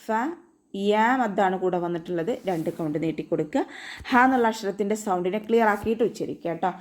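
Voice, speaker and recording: In an online tajweed lesson, a woman with a Malayali accent teaches Quran recitation, patiently explaining each letter and slowly chanting example verses. Her voice is medium-pitched and slightly mellow.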